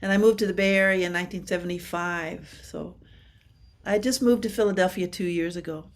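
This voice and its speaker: A woman's voice: fairly low pitch, steady tone, a little fast. A woman in her seventies from Washington state, a percussionist guest chatting animatedly over a video call and laughing often. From Washington state, USA. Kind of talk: casual interview chat.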